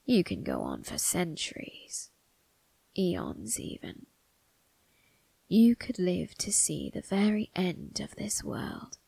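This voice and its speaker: Woman as the Undertaker, gravelly whispering reaper. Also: lowish voice, huge pitch swings, mellow, dry recording, heavily acted. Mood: intimate, fascinated. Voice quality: breathy, gravelly, often dropping to a whisper. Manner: slow, theatrical, teasing, morbidly musing. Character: sinister, amused retired grim reaper undertaker, ageless male. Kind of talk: ASMR roleplay monologue. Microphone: close microphone, dry.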